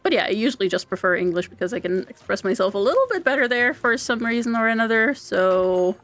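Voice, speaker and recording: A slightly high voice with lively intonation comes from a young Austrian woman, a German native with an Austrian German accent, casually chatting and giggling on a live game stream. She's chatty but halting, with restarts, recorded on a dry close mic over quiet game music.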